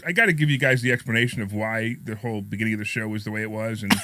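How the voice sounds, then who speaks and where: Rapid-fire and steady in tone, this middle-aged talk radio host speaks at a fairly low pitch with a New York accent and a slight lisp. He rambles, repeats himself and jokes at his own expense while sharing casual anecdotes, and the recording is very noisy.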